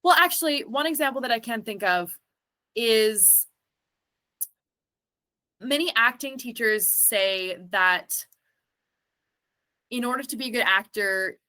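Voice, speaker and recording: A woman's voice: a little high, animated, slow pace, long pauses, bright, forceful tone. A woman talking as an interview guest, thinking aloud in a rambling way with lots of filler words. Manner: thoughtful, rambling, many "like" fillers. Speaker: interview guest, singer and actor. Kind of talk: casual interview chat.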